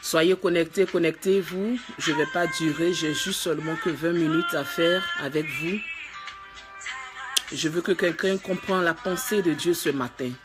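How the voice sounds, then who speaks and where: Woman preacher live-streaming a fervent, repetitive sermon that swells toward shouting, with heavy music behind. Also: fairly low pitch, a little slow. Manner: speaks in tongues. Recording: loud music underneath.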